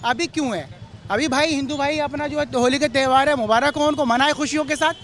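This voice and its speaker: A man's voice: extremely high pitch, steady tone, fairly quick, a bit bright, slight background noise. A man giving a street interview outdoors, talking in an indignant, emphatic way and hammering his points home by repeating them.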